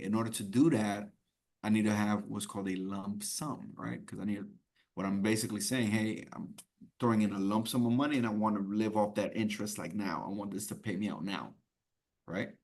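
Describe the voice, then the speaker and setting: A man with a lowish voice teaches a roomful of students in a loose, conversational lecture. He keeps checking in with quick "right?" and "okay?" tags and circles back to repeat the main point. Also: fairly even intonation. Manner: repeats key points to drive them home. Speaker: instructor. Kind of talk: classroom exam-prep lecture.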